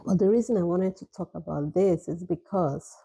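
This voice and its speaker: Nigerian woman with a husky, gravelly voice. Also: lowish voice, warm tone, rough recording. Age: middle-aged. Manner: chatty, laughs often, drawn-out restarts. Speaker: emergency nurse vlogger. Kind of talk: casual chat while eating.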